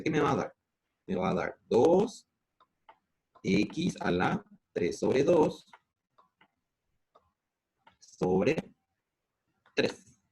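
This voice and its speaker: This is a creaky, mid-range male voice with a Paraguayan Spanish accent, belonging to a math teacher explaining integrals step by step. He slows down on formulas and answers the questions he puts to the class.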